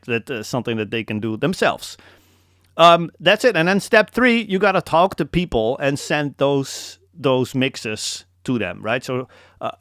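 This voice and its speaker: The young host, a Dutchman with a Dutch accent and a mid-range voice, leads a casual live coaching call in an emphatic style, repeating key points and calling people "man." The audio is dry and studio quality.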